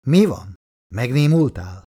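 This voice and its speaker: A man's voice: mid-range voice, big pitch swings, mellow, husky, voice pushed up. A man doing a cool, mocking militia boss. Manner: dry, teasing, lecturing. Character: calm, cool-headed male militia leader, mocking.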